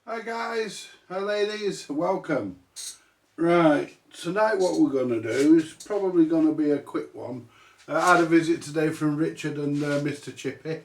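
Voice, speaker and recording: In a small, cluttered indoor electronics workshop, a middle-aged man with a stuffy cold hosts his repair channel, talking slowly and rambling through the job with casual swearing and self-mockery. His voice is a little high, and the distant mic gives it a roomy sound.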